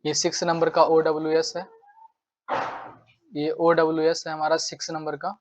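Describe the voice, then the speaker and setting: A man's voice: fairly high pitch, monotone, moderate pace, no echo, lo-fi sound. A man teaching an exam-prep vocabulary lesson, repeating phrases over and over and acting out angry demands as examples. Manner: repetitive, drills phrases over and over; acts out angry demands while explaining.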